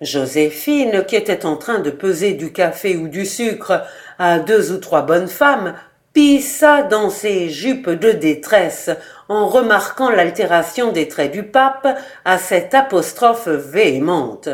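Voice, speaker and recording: A woman reads a literary short story aloud as narrator. She speaks slowly and deliberately, with measured, expressive storytelling. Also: lowish voice.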